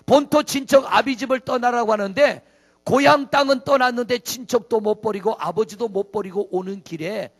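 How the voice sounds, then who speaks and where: A man's voice: sits high, normal speed. A middle-aged man preaching a sermon as pastor, folksy, asking the congregation questions.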